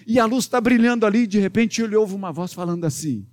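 Fast-talking and high-pitched, a male pastor from Minas Gerais animates a Bible story for children. He plays it up with sound effects and keeps asking the kids questions.

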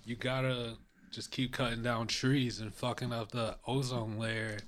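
A man's voice: medium pitch, flat delivery, a little slow, fairly bright tone. Blunt guy on a podcast, sure of his views, slight hum in the background. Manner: opinionated, blunt. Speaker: podcast co-host. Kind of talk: casual group chat.

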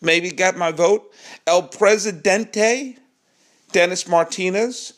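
A man's voice: high-pitched, slow pace, fairly bright tone. A man hosting a casual baseball podcast, joking and projecting as he performs. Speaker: podcast host.

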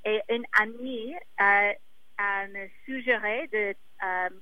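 Searching often for words, this woman, a singer and native English speaker, talks slowly and haltingly in her second language. Her mid-range voice holds fairly even intonation, and the dull, lo-fi sound, as if over a phone, carries a little hiss or hum.

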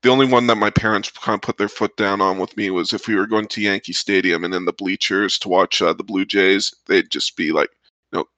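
A man chatting casually on a podcast, relaxed with many pauses and fillers. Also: low voice, no room sound. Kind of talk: casual chat.

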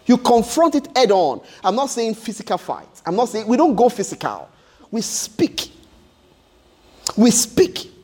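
A man's voice: sits high, very animated, a little fast, hardly any pauses, dark tone, husky. A man preaching a sermon in an emphatic, repetitive way, often restarting his words.

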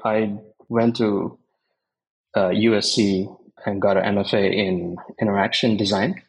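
A man from India, a tech company co-founder, answering interview questions in a measured, explanatory way. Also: on the low side, fairly even intonation, creaky, low-quality recording.

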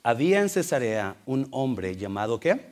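A man preaching a sermon in a church, telling a story with big swings from loud to hushed. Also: medium pitch, sing-song, moderate pace. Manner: emotive, swings from loud to hushed, mixes in English fillers. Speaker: pastor.

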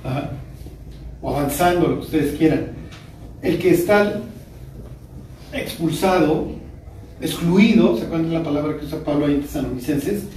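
A man with a Mexican accent teaching an informal Bible class, chatty and colloquial, often checking that everyone follows with quick rhetorical questions. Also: a little high, a little mellow. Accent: Mexican Spanish. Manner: colloquial and joking. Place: room with a small group. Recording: roomy, distant mic with faint noise.

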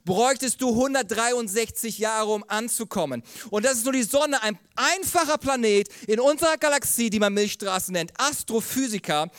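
A man preaching a sermon, telling a story with lively acted quotes. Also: very high-pitched, moderate pace, hardly any pauses, smooth, no echo, studio quality. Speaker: pastor.

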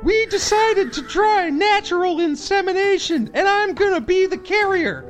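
A man's voice: very high voice, expressive, extremely slow, bright, forceful tone, faint music behind, pitched above the performer's own voice, heavily acted. A man doing a brash Canadian lady. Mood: brazen. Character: bold Canadian woman letter writer.

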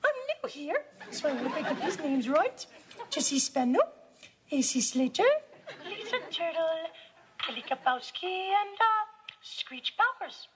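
A woman's voice: very high-pitched, very animated, measured pace, fairly bright tone, full character voice. A woman playing a new school secretary making a formal announcement over the school intercom. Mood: prim, official. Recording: noisy clip from a TV show.

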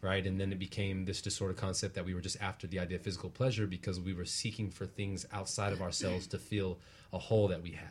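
Speaking fast and flatly in a deep voice with a slight hiss or hum, a male guest who works as a relationship practitioner and teacher earnestly explains spiritual ideas. His tone is conversational, and he often checks in by tacking a quick "right?" onto his phrases.

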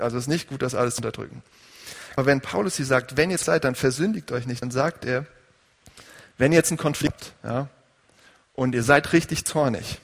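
Male pastor, gravelly voice, conversational sermon, recorded in a reverberant church hall. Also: mid-range voice. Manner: conversational preaching, asks the congregation questions.

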